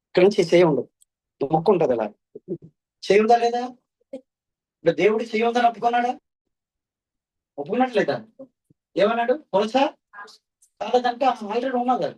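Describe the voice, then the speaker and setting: A man preaching an evening sermon, calling out hallelujah, throwing rhetorical questions to his listeners, and swinging between ringing exclamations and quiet low passages. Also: breathy edge. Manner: fervent, repeated hallelujah calls, rhetorical questions to the audience. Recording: voice distant from the mic.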